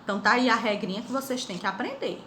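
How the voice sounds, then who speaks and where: A middle-aged Brazilian woman teaching a grammar lesson to schoolchildren, explaining slowly and asking the pupils questions. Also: fairly high pitch, a bit bright. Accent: Brazilian Portuguese. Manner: slow, drawn-out explanations with repeated questions to pupils. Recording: echoey room with faint noise.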